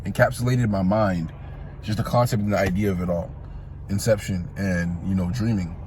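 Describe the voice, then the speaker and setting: A man's voice: deep voice, steady tone, normal speed, a little mellow, a little hiss or hum. A young man talking casually in a vlog, slangy and rambling, calling viewers "bro" and restarting his sentences often. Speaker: vlogger. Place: car, on the road.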